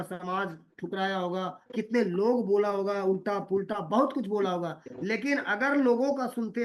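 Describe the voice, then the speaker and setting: Man, motivational speaker, high-pitched, repetitive, lots of filler pauses. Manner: repetitive, hesitant with many fillers, addresses listeners as "my dear". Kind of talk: motivational talk.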